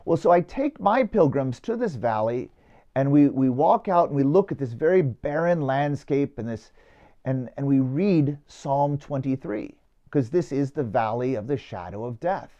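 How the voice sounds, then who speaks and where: Priest telling a story in a homily. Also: male voice, mid-range voice, animated, normal speed, lo-fi sound. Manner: conversational, with filler "uh" and restarts.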